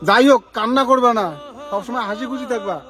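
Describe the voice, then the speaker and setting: A man's voice: very high-pitched, fairly even intonation, fairly bright tone. A man playing a fussy father-in-law in a comic family sketch, lecturing his daughter-in-law and then snapping at his son. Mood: soothing. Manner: lecturing, then quick to snap.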